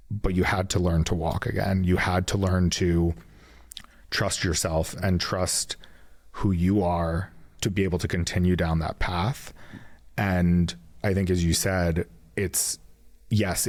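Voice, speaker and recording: Deep-voiced man hosting an interview. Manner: measured, affirming, summarizing the guest's points. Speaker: podcast host. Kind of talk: reflective interview talk.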